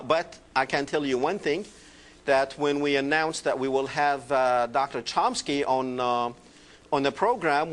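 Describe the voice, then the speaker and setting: A male talk show host interviewing a guest, speaking haltingly with many filler sounds. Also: on the high side. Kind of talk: call-in TV interview.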